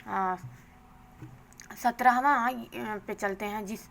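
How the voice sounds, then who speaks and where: A woman teacher going briskly through exam questions and their answers, adding a quick "okay" after each answer. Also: a little high, vocal fry, fairly bright tone, a little hiss or hum, low-quality recording. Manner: brisk, adds "theek hai" after answers.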